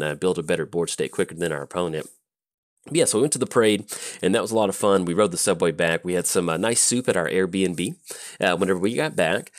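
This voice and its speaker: A man's voice: deep voice, dry recording, clean studio sound. A man hosting his channel, chatting casually through a card game with rambling stories and many fillers. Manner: rambling, relaxed, lots of fillers.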